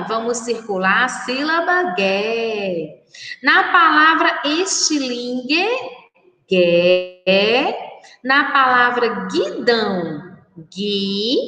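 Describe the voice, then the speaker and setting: Brazilian woman, schoolteacher, high voice, slow and patient, echoey room with long reverb. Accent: Brazilian Portuguese. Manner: slow, patient, lively sing-song teacher talk to children. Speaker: primary school teacher. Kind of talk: recorded remote class lesson.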